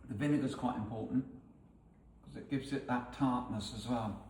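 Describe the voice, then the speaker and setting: A man's voice: mid-range voice, moderate pace, far from the mic. A middle-aged man with a Norfolk accent chats easily through a cooking demonstration and explains each step as he works. His voice sounds roomy and set a little away from the mic, with a faint hiss of background noise behind it. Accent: Norfolk English. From North Norfolk, England. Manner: chatty, relaxed, explains as he goes. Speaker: chef and host. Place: outdoors on salt marshes, then a home kitchen.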